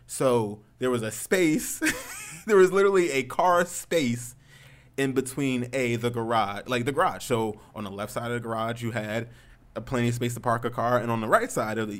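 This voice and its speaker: A man's voice: medium pitch, expressive, brisk. Young man, casual streamer chat, rambling, profane, heated storytelling.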